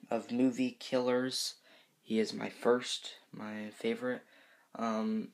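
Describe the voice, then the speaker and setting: A fifteen-year-old boy giving a casual, unscripted review in a hesitant, rambling way, often correcting himself. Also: lowish voice. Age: teenager, fifteen. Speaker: reviewer of horror movie masks.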